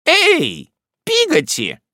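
A man voicing a stern, imperious elderly aunt in an audiobook, speaking in a high, clipped, scolding and impatient way. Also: big pitch swings, measured pace, a bit bright, no echo, clean studio sound, heavily acted. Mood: commanding. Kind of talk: audiobook character reading.

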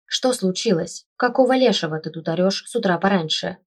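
A woman's voice: on the low side, animated, fairly quick, husky. A woman voicing a snappish young detective. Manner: snappish, barking.

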